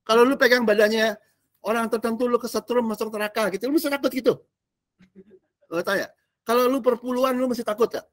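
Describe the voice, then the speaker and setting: A male pastor teaches a discipleship class in a casual, animated sermon, often quizzing his listeners. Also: extremely high pitch, fast. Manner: casual slangy preaching, quizzing the audience, animated swings between loud and soft.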